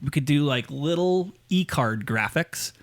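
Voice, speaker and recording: A man's voice: a little high, expressive, unhurried. A man co-hosting a podcast, joking crudely and laughing often in casual chat. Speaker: podcast co-host.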